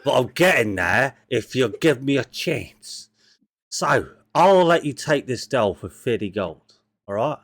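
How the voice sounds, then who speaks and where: A man's voice: on the high side, animated, normal speed, close to an everyday voice. A man voicing a cocky six-year-old boy haggler with blustering, stammering sales patter. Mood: boastful.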